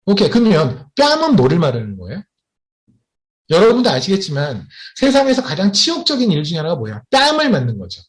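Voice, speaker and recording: Animated man preaching a sermon. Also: high voice, fairly quick. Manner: animated, asks the congregation questions often. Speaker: missionary preacher.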